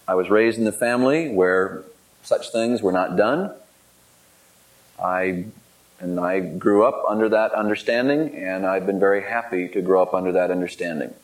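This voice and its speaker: A man's voice: fairly low pitch, poor audio. Candid, self-deprecating man preaching. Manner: candid, self-deprecating, animated when telling anecdotes. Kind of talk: sermon storytelling.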